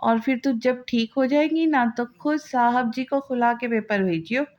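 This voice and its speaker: A woman's voice: fairly high pitch, measured pace, a little mellow, natural voice. A woman reading the lines of a firm, caring older caretaker in an audio novel, insistent in tone. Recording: slightly dull lo-fi audio.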